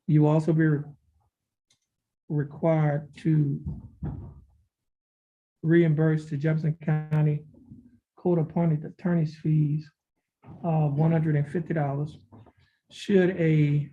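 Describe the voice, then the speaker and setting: Flat-voiced male judge in a courtroom recording. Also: a little high. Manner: measured, formal, reading documents aloud. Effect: courtroom recording heard over a video call. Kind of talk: formal plea hearing. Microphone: video call. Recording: dull lo-fi courtroom audio with faint hiss.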